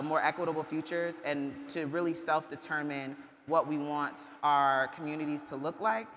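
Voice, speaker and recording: A man's voice: mid-range voice, fairly bright tone, a little hiss or hum. A man speaking as a community organizer on a panel, reflective and thoughtful. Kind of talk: panel talk. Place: large covered market shed. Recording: long reverb in large hall.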